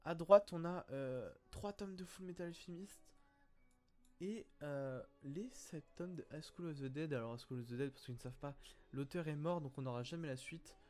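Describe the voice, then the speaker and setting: Brief: young male YouTuber, fairly high voice, casual hesitant commentary. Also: moderate pace, a little mellow, soft background music. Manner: hesitant, many fillers, thinking aloud. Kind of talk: casual commentary on viewers' photos.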